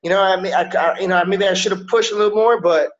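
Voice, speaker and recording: Over a webcam in a small indoor room, a Miami MMA fighter in his thirties gives a casual interview, loosely peppering his talk with "yo" and "you know what I'm saying." His voice is high for a man, steady in tone, and quick, with crowd noise audible. The audio is a little dull and lo-fi.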